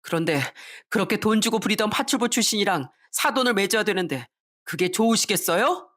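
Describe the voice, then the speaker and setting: A woman's voice: medium pitch, expressive, fairly quick, fairly bright tone. A disrespectful grown son, read by a woman, cold and cutting as he talks back to his parents. The voice is haughty and defiant throughout. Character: arrogant, disrespectful adult son.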